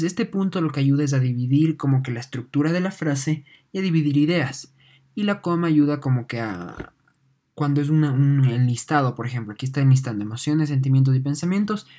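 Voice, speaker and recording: A teacher with a mellow, dark tone walks students through a lesson at an unhurried pace. The delivery is patient and halting, with repeated words and a questioning "no?" to check understanding. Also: mid-range voice. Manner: patient, often ends points with a questioning "no?". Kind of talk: online lesson explaining on screen.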